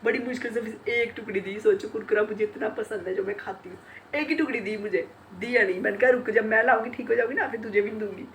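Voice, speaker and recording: A woman's voice: mid-range voice, steady tone, quick pace, fairly bright tone. Middle-aged woman vlogger, blocked-nose cold voice, chatty and laughing, faint hiss behind. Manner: chatty, laughing often, retelling family talk. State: congested and sore-throated from a cold. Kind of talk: casual chat to camera.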